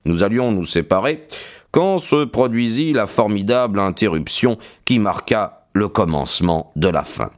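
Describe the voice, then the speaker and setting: A man giving measured scripted narration of a detective audiobook. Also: fairly low pitch, lively intonation.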